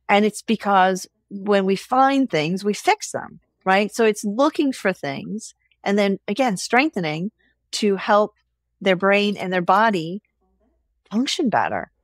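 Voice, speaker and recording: A woman veterinarian talking as a podcast guest, animated, often tagging her sentences with "right?" and acting out what the dogs would say. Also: mid-range voice, no room sound, studio quality. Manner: animated, tags lines with "right?", acts out pets' voices. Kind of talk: casual interview chat.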